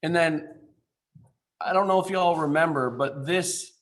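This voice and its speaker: A man's voice: on the high side, moderate pace, a bit bright, slight background noise. A man, an architect, presents a building design to a council remotely over a video call, speaking informally with many fillers and restarts.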